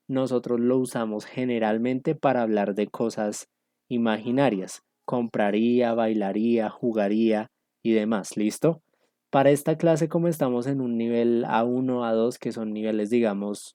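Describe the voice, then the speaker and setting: Male language teacher, mellow, patient explainer over a dry video call. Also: mid-range voice, dry recording. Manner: patient, explanatory, with frequent fillers. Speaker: English teacher. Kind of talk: online class instruction.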